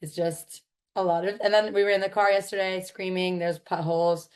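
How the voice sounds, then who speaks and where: A woman with a hoarse, raspy, smoker-like voice worn out from talking, teaching a course in an informal, chatty and emphatic way. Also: mid-range voice, level tone, brisk, darkish tone. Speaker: course instructor.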